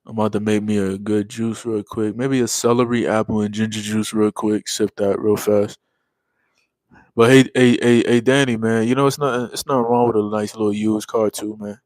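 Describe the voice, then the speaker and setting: A young man hosts a casual livestream, reading comments in a laid-back, slang-heavy drawl, tired and yawning after a long day. His voice is lowish and a little mellow, with fairly even intonation at normal speed, recorded dry.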